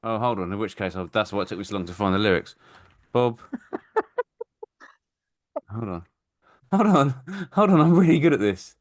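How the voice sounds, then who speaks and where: A man's voice: on the low side, animated, normal speed, long pauses, no echo. A man co-hosting a casual podcast, jokey and a bit fumbling as he chats. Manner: jokey, fumbling, easily flustered. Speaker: podcast co-host.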